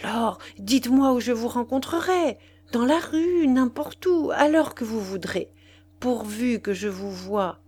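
A woman's voice: a little high, lively intonation, unhurried, warm tone, voice pushed up. A woman reading the part of an ardent young man who pleads insistently with the woman he loves, in a storybook reading. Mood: pleading.

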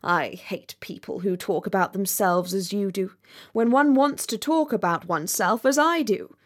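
A woman performs a storybook character voice for a vain, pompous male rocket who is haughty, self-important, and quick to take offense. Her mid-range voice moves at normal speed and stays close to how she'd ordinarily speak.

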